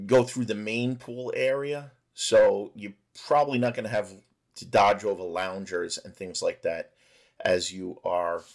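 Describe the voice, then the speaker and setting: A middle-aged man giving a relaxed, conversational voice-over narration for a cruise ship tour vlog. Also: lowish voice, creaky. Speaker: travel vlogger.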